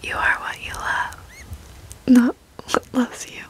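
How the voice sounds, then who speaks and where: A young adult woman gives a reassuring ASMR pep talk in a soft, breathy whisper, close to a desk microphone in a bedroom. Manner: slow, reassuring, gentle encouragement. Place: bedroom, indoors.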